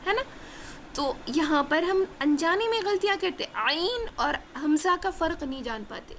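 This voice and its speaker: Earnest woman teacher, high voice, repeats and slows for emphasis, slight hiss under the recording. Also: creaky. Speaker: Quran recitation teacher. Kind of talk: religious lesson.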